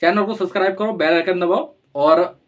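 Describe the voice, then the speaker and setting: A young man with a high voice and a chatty, coaxing delivery, talking straight to his viewers like a friend giving advice. He slips into little acted-out phone calls as he explains, keeping it casual and easygoing throughout. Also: moderate pace. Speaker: loan settlement advisor.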